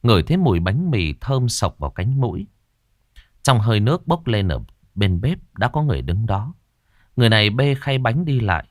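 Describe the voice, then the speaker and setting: A man narrating a horror story with suspenseful, expressive delivery. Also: fairly low pitch, moderate pace, no echo, studio quality. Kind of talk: dramatic horror story reading.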